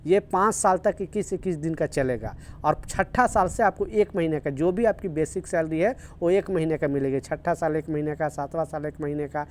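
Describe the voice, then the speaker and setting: A man's voice: fairly high pitch, normal speed, few pauses, slight background noise. Earnest man explaining visa news. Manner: earnest, repetitive, urging viewers. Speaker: news vlogger for workers in the UAE.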